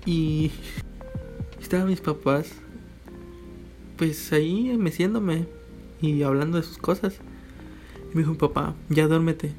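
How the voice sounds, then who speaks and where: A man's voice: a little high, takes it slowly, long pauses, darkish tone, faint music behind. A young man with a Mexican Spanish accent, talking casually in a joking monologue with quoted voices. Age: young adult.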